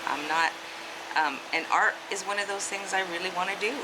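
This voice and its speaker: A woman in her late fifties talks casually to a handheld camera in a vlog, hesitant and full of filler ums and restarts. Her voice sits at a middling pitch. Loud background noise from air conditioning and passing traffic runs underneath her. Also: a little fast. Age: 50s. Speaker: artist vlogger. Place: at a neighborhood deli store, public spot.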